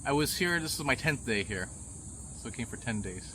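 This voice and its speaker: A middle-aged man from Pakistan who grew up in the United States, answering a street interview thoughtfully with many pauses. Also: mid-range voice, lively intonation, bright, forceful tone, a little hiss or hum. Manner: thoughtful, measured, frequent "uh" pauses. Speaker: interviewee, visiting tourist father.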